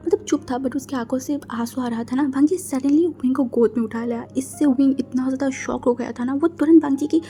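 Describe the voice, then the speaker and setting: A woman's voice: sits high, fairly quick, few pauses, mellow, faint music behind. A woman narrating a fan fiction story in a chatty way, mixing in English words and many fillers.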